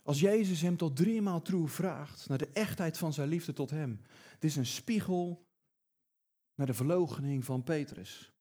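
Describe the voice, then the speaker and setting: A man's voice: a little high, a little slow, dark tone, slightly rough. A man preaching a sermon, emphatic and often repeating words as he builds his points.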